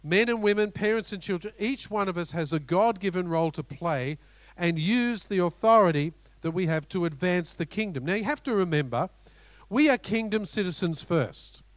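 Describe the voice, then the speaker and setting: A middle-aged Australian man preaching a sermon as pastor, animated, with rhetorical questions and storytelling asides. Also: high-pitched, normal speed, no room sound.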